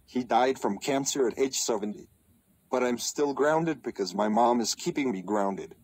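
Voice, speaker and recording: A man voicing a bratty boy in a cartoon who grows into an old man, with a whiny, flat delivery. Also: mid-range voice, normal speed, natural voice, poor audio. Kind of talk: cartoon voice acting.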